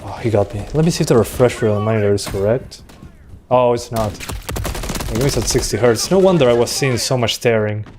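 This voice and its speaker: A native Spanish speaker from Uruguay in his 20s, this tech streamer plays a shooter at home and talks in a relaxed, chatty way, responding to chat between fights. His ordinary mid-range voice comes through a desktop USB microphone at a fairly quick pace, with a little hiss or hum and faint gunfire from the game beneath it.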